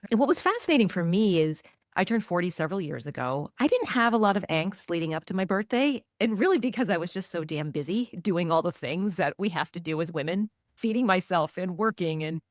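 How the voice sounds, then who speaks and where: A woman's voice: on the low side, animated, fairly quick, no room sound, clean studio sound. A woman in her forties, a journalist and author, answering interview questions in a reflective, earnest way. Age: 40s.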